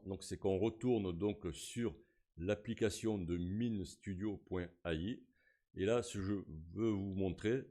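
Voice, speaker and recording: A man walks through a screen-recorded software tutorial. He talks casually and narrates each click, with plenty of fillers. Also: lowish voice. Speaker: tutorial host.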